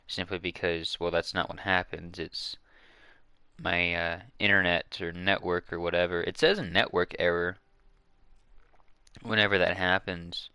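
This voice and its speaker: Deep-voiced man rambling on a live stream. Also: little pitch movement, unhurried, bright, forceful tone, clean tone, no room sound. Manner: rambling, hesitant, many fillers and restarts. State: hiccuping. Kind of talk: casual live-stream chat.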